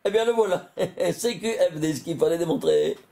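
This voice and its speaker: High-voiced rabbi, exclamatory and questioning. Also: male voice, normal speed, creaky, dark tone. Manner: exclamatory, asks listeners questions often. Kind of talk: animated Torah lesson.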